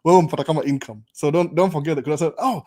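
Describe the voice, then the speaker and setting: A young man with a Kenyan accent talks quickly on a casual live stream, now and then tripping over his words and starting again. His voice is dark and mellow, pitched a little high for a man. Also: steady tone. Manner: mixes Swahili and English, stammers and restarts. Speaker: host.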